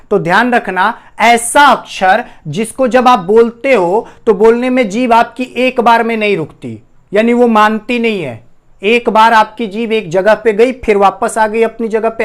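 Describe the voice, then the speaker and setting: A man teaching a Hindi grammar lesson, asking the class questions and repeating each key term. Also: sits high. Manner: addresses students as "bhaiya". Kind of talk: classroom-style lesson on a whiteboard.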